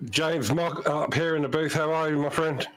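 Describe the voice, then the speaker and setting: Friendly higher-voiced booth commentator. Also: male voice, fairly even intonation, moderate pace, a bit bright, rough recording. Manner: friendly, easygoing questioning. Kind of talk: post-race interview.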